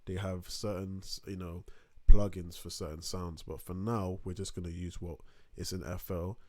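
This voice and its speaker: A young man talks through a beat-making tutorial in a very deep voice, filling gaps with ums and restarts. The sound is dry and close, with no room around it. He sometimes drifts away from his desk mic. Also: level tone, moderate pace, darkish tone, no echo. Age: young adult. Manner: rambling, filler-heavy, self-interrupting. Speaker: music production tutor. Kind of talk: casual screen-recorded tutorial. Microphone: desk microphone, sometimes turned away from.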